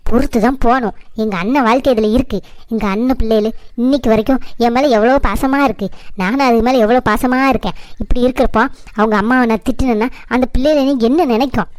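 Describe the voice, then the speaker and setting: A woman's voice: a little high, fairly even intonation, fast talker, darkish tone, no echo, close to an everyday voice. A woman voicing a stern, traditional middle-aged mother in a cartoon, lecturing her daughter.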